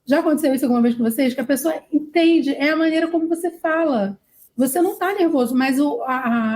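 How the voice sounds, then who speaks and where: A woman's voice: high-pitched, a little mellow. A woman with a Brazilian accent, a speech therapist guest, explaining emphatically and addressing listeners directly. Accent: Brazilian Portuguese. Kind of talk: explanatory interview talk.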